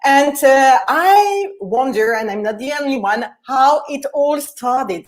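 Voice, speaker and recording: A woman's voice: sits high, lively intonation, slow. A woman hosting an interview show, reading an admiring introduction and then asking questions with hesitant fillers. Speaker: interview host.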